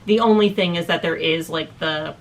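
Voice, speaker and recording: A woman's voice: low voice, normal speed, distant mic. A woman in her thirties chatting casually as co-host of a book review, in a rambling, giggly, slangy way. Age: 30s. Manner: rambling, giggly, slangy, loses train of thought. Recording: noticeable background noise.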